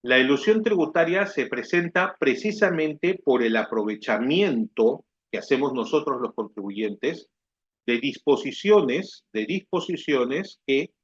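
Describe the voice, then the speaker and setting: A man's voice: medium pitch, expressive, measured pace, breathy edge, dull audio. A man giving a recorded tax lecture, explaining step by step and checking that his students follow. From Peru. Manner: explanatory, repeats "¿ya?" to check understanding. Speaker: tax instructor.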